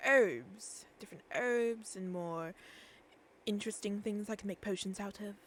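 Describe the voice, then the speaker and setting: A woman's voice: medium pitch, a little slow, slight background noise. A woman streamer speaking in character during game role-play, hesitant and searching for words as she goes. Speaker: streamer playing a shopkeeper character.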